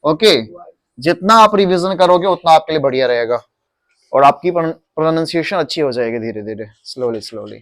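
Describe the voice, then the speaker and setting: A man's voice: fairly high pitch, lively intonation, brisk, a bit bright, dry recording. A male teacher in a classroom, drilling students on pronunciation and patiently repeating words, mixing English into his Hindi.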